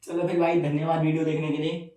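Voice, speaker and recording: A young man who is a stand-up comedian, telling a story in a chatty, animated way and talking to the audience like friends. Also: on the high side, quick pace. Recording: roomy, mic at a distance.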